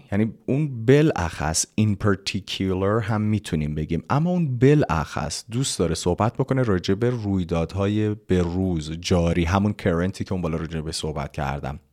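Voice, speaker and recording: A man teaching English vocabulary in a casual lesson. He reads English sentences slowly, spells words out letter by letter and explains them in plain, chatty talk. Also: sits low, animated, a little mellow.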